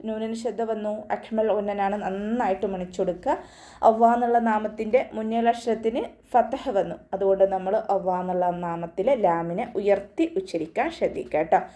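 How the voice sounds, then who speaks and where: A woman teaching an online Quran recitation class, patiently explaining each sound step by step and chanting sample verses slowly in between. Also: medium pitch, fairly even intonation, warm tone. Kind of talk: online tajweed lesson.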